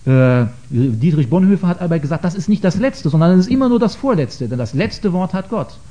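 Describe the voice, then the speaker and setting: A man giving a lecture on faith to an audience, earnest and hesitant, often pausing with filler sounds. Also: high-pitched, sing-song, warm tone. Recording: dull lo-fi recording.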